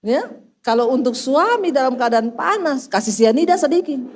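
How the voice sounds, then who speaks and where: High-voiced woman pastor telling stories. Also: normal speed, background noise. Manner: lively storytelling with teasing humor. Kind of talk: sermon.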